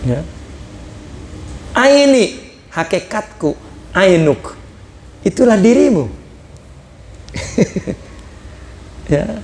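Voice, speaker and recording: Slow, high-voiced Indonesian religious teacher. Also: male voice, sing-song, darkish tone, roomy sound, a little hiss or hum. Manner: reads a phrase of the text, then explains it in plain words. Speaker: religious teacher reading a Sufi text. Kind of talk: religious lesson, reading and explaining.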